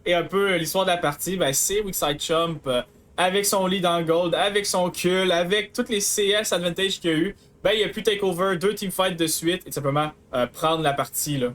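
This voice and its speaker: A man's voice: sits high, moderate pace, a bit bright. A man with a Quebec French accent analysing an esports match live, mixing English gaming jargon into his speech.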